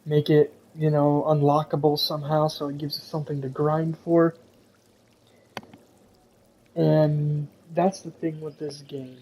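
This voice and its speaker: A man's voice: on the high side, level tone, moderate pace, hardly any pauses, dark tone, slight background noise, rough recording. A young man talking casually and frankly to his viewers, rambling a little and cursing now and then. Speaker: gaming commentator. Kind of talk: casual solo talk to viewers.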